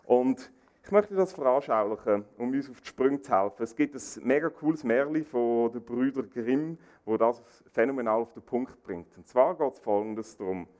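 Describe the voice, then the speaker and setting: A man preaching a sermon, animated, acting out quoted dialogue. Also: normal speed. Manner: animated, acts out quoted dialogue with rising pitch.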